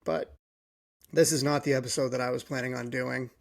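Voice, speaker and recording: A man's voice: medium pitch, little pitch movement, brisk, creaky. A podcast host, a man, ranting about sports in a frustrated, worked-up way and running out of breath.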